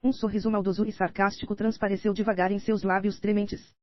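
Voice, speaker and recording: A woman with a Brazilian accent reading a novel as an audiobook narrator, even and steady. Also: mid-range voice, a little fast, dry recording. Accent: Brazilian Portuguese. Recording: dry, slightly dull audiobook recording.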